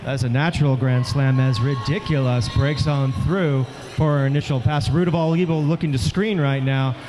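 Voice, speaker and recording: A man's voice: mid-range voice, steady tone, normal speed. A man announcing team rosters and giving color commentary on a junior roller derby game.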